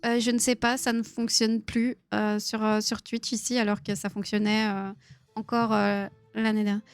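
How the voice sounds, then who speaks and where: A woman's voice: mid-range voice, level tone, normal speed, smooth, no room sound, soft background music. A woman in her thirties hosting a live quiz stream, chatting playfully with viewers and giggling often. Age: 30s. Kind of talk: casual live-stream chat.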